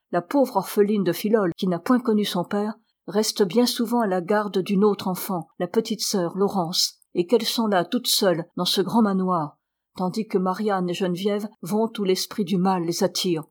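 A woman's voice: medium pitch, normal speed, lightly acted. A woman reading the part of a sly village man who keeps insisting and needling. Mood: insistent.

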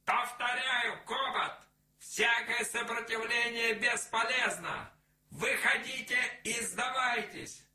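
Male reader voicing a commanding figure on a loudspeaker, raised and forceful, in a roomy space. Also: extremely high pitch, voice pushed up, exaggerated voice. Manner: loud, commanding, drawn-out shouting. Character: menacing man barking orders through a loudspeaker. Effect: shouted as if through a loudspeaker. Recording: echoey room, far from the mic.

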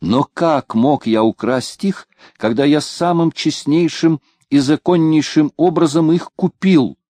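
A man voicing a cunning, fawning peddler who whines and pleads in a high, climbing voice. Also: unhurried, mellow, no room sound. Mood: pleading. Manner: whining and pleading, rising to shrill.

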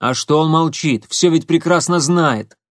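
A man's voice: mid-range voice, normal speed, dry recording, clean studio sound, lightly acted. A man voicing a blunt, hot-tempered male agent who barks threats. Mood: angry threats.

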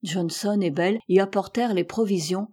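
A woman narrating a classic adventure novel as an audiobook in a measured, steady reading voice. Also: mid-range voice, breathy edge. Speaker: audiobook reader.

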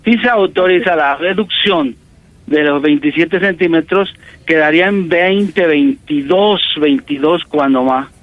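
A man playing a boastful doctor on a prank call, calmly explaining and saying "ajá" often. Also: on the high side, measured pace, no room sound, narrow, tinny audio, close to an everyday voice. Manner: patient, explaining, lots of "ajá". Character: smug, boastful male doctor.

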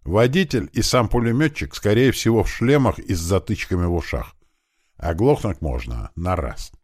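A man's voice: lowish voice, lively intonation, moderate pace, darkish tone, slightly rough, dry recording. A man narrating a first-person audiobook with a tense, vivid storytelling manner on a close studio mic.

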